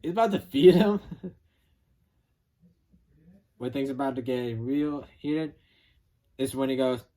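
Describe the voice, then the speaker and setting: A man casually retelling a film's plot as a reviewer, rambling and animated, acting out quotes with some swearing. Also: medium pitch, unhurried. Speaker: film reviewer.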